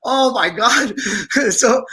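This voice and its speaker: Bright high-voiced man telling stories. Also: extremely slow. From Syria. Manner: animated, acts out quoted speech. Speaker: podcast guest, veteran filmmaker. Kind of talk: interview storytelling.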